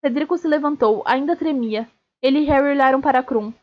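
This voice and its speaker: A woman streamer reading a novel aloud, steady, with small slips and restarts. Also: high voice, brisk. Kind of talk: live read-aloud of a novel. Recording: dull lo-fi stream audio.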